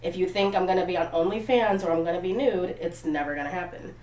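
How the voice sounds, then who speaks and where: Speaking quickly in a fairly low, slightly mellow voice, this young woman hosts her clothing try-on channel while stuffed up and sniffling from a cold, talking straight to viewers. The outdoor, windy recording has a roomy echo, faint ambient noise, and a far-off microphone.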